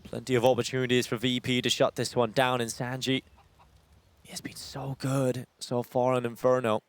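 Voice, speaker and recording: A man's voice: mid-range voice, level tone, moderate pace, clean tone. A man working as an esports caster, calling live play-by-play in dramatic, punchy short phrases. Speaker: esports commentator. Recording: game gunfire and clicks behind voice. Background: game gunfire and clicks.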